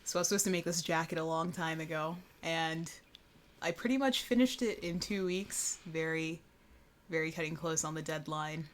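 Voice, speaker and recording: A woman's voice: low-pitched, normal speed. A woman co-hosting a podcast in casual chat, rambling along in a self-deprecating way. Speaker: podcast co-host.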